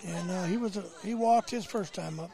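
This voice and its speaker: A man's voice: high-pitched, brisk, vocal fry, mellow. A man giving casual live sports commentary as the color commentator at a baseball game.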